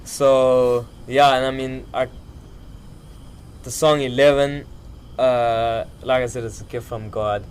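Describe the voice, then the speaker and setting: A man talks in a loose, rambling, slangy way, like a musician being interviewed. His pitch is middling. A light layer of ambient noise sits behind the voice. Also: steady tone, slow pace. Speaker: musician, podcast guest. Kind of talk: casual interview chat.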